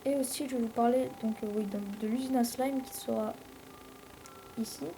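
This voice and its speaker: Une jeune femme à l'français commente sa partie de jeu vidéo sur un ton décontracté et bavard, avec beaucoup d'hésitations. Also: female voice, on the high side, steady tone, normal speed, warm tone, slight background noise, low-quality recording. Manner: rambling, chatty, many fillers. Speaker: let's play host. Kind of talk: casual gameplay commentary.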